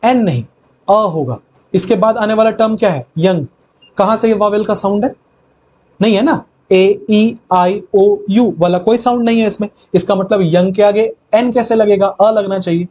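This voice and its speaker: A man teaching English grammar in a live online lecture. He explains quickly in Hindi, reads the English sentences slowly, and asks questions that he answers himself. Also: high-pitched, darkish tone.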